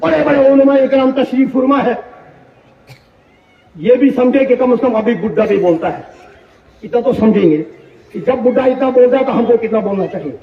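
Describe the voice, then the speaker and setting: High-pitched old man preaching in an echoey hall. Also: normal speed, long pauses, a little hiss or hum. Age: 60s. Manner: impassioned, rising to shouts. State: unwell. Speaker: madrasa head. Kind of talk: sermon. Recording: echoey distant lo-fi hall recording.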